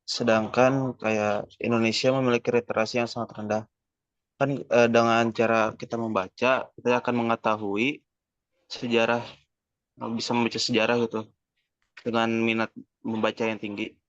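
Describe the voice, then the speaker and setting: A man asking a question over a call, hesitant and filling his pauses. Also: mid-range voice, level tone, no echo. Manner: hesitant, with many fillers. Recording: dull lo-fi dry call audio.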